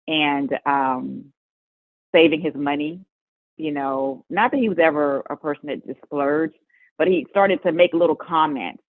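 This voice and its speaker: A middle-aged woman being interviewed, telling stories in a lively way and laughing often. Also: low voice, no echo. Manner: lively storytelling with frequent laughs. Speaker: guest, mother of an NBA player. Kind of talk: conversational interview storytelling. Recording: tinny phone-line audio, dry.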